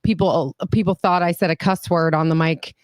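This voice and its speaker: A woman's voice: lowish voice, fairly even intonation, normal speed, dry recording, clean studio sound. A woman co-hosting a podcast, talking in blunt, joking casual chat. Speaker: podcast co-host.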